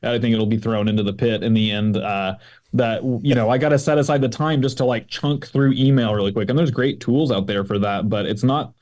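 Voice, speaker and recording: Easygoing pastor with a mellow voice. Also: male voice, lowish voice, fairly even intonation, brisk. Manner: easygoing, loose and chatty. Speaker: pastor, podcast guest. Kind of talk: casual conversation.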